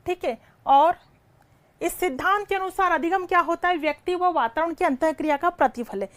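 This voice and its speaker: A woman's voice: very high-pitched, a little fast. A woman teacher giving a live online lecture, asking questions and answering them herself, and calling her students "beta". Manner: calls students "beta" affectionately.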